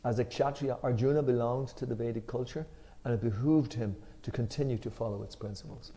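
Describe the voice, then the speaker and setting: In a brisk, mid-range voice, an Irish-accented man guides a scripture discussion: he reads a commentary with emphasis, then explains it in a relaxed style that includes some fillers.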